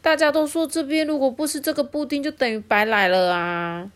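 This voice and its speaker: A woman's voice: a little fast, close to an everyday voice. A woman doing an eager young girl cat. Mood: pleading. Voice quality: high and bright. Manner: excited, pleading. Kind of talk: storybook reading.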